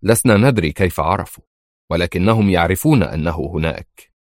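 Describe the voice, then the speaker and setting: A man's voice: low voice, lively intonation, fairly quick, a little mellow, no echo, clean studio sound. A man voicing a tense, irritable defense secretary. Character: nervous male American defense secretary.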